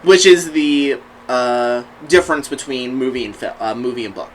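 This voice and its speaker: A man's voice: mid-range voice, moderate pace, a little hiss or hum, rough recording. A man co-hosting a film podcast, chatting casually and giving firm opinions, often laughing. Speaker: podcast co-host. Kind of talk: casual chat about films.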